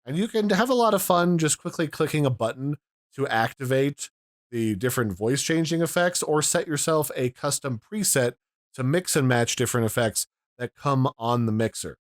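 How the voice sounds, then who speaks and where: A man's voice: mid-range voice, expressive, normal speed, no echo, studio quality. A man giving a casual, explanatory demo of audio mixers, pointing out their controls, recorded at home. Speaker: tech reviewer. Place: home room.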